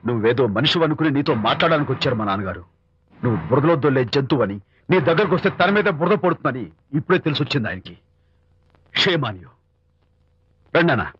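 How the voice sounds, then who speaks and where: An actor playing a young film hero who lashes out with fiery insults in dubbed film dialogue. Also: male voice, mid-range voice, very animated, brisk, pauses often, breathy edge. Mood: angry. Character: young hero defending his father. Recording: dry, dull film track with music.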